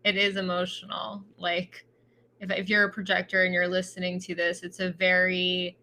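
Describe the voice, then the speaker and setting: A woman's voice: fairly low pitch, completely flat delivery, moderate pace, pushed and bright. A woman co-hosting a podcast, musing reflectively in a casual chat with lots of filler words. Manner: reflective, filler-heavy, thoughtful. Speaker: podcast co-host.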